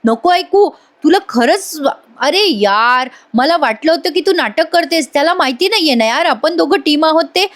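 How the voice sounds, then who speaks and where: A woman voicing a young husband who teases and brushes things off, in her own higher voice. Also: animated, normal speed. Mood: teasing. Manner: teasing, coaxing. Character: teasing young husband, playful and dismissive.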